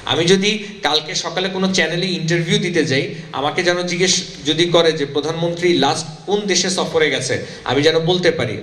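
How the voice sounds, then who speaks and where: A man's voice: fairly high pitch, fairly bright tone. A man from Bangladesh with a Bengali accent tinged by Noakhali speech, giving an emphatic workshop talk that switches between Bengali and English mid-sentence. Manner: emphatic, addresses the audience directly. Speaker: motivational speaker. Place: workshop hall. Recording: echoey hall with faint ambience.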